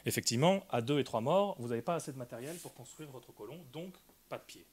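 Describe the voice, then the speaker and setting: Guy lecturing at a conference, mid pitch, careful, lots of euh and restarts. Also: expressive, quick pace, darkish tone, breathy edge. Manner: careful explanatory delivery with frequent hesitations. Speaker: linguistics lecturer. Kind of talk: academic conference talk.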